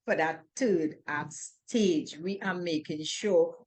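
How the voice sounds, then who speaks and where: A woman's voice: on the low side, takes it slowly, a little mellow. A middle-aged woman co-hosting a talk show, speaking earnestly, repeating words and acting out quoted worries. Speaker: co-host. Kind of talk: casual talk-show chat.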